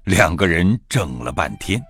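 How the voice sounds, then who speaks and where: A man narrating a classic novel as an audio drama, in a slow, expressive, dramatic reading. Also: deep voice, breathy edge, soft background music.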